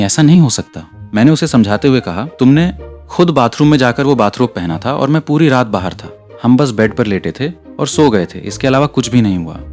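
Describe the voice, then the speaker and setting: A man's voice: mid-range voice, a little mellow. A man narrating a romantic comic recap in the first person, telling the story steadily and reading the quoted lines with only a light touch.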